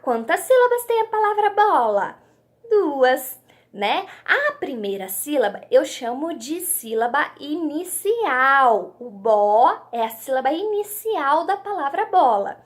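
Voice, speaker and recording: A woman's voice: sits high, very animated, slow. A Brazilian woman teaching a children's literacy lesson, stretching out syllables in a sing-song teacher voice and asking the children questions. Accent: Brazilian Portuguese. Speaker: primary school teacher.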